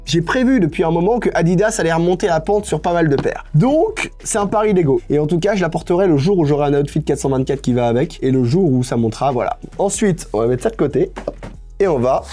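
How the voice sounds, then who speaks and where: A fairly high-pitched, mellow-voiced young man talks about his sneakers in an unscripted vlog. He's chatty and excited, slipping English slang into what he says, while faint music runs behind him.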